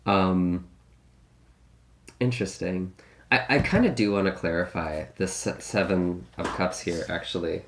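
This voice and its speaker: A tarot reader gives a casual reading in a deep voice, slightly raspy from a recent illness. He speaks a little slowly and muses aloud with many hedges and restarts. Some hiss or hum sits in the recording.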